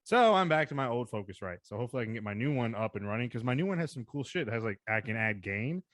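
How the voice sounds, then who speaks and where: A man's voice: mid-range voice, expressive, fast talker, fairly bright tone, dry recording, clean studio sound. A man co-hosting a casual podcast chat, rambling, swearing, and laughing often. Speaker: podcast co-host. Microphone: video call.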